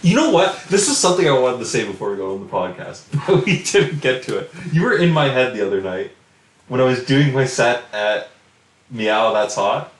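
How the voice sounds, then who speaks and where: A man's voice: medium pitch, very animated, normal speed, echoey room, slight background noise, low-quality recording. A man co-hosting a podcast in casual chat, hesitant and full of filler words. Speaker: podcast co-host.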